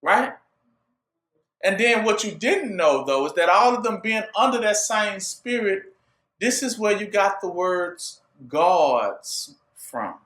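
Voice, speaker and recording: A man's voice: high-pitched, sing-song, takes it slowly, fairly bright tone, reverberant. A man preaching a sermon, drawing his listeners in with rhetorical questions he leaves for them to finish. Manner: call-and-response rhetorical questions.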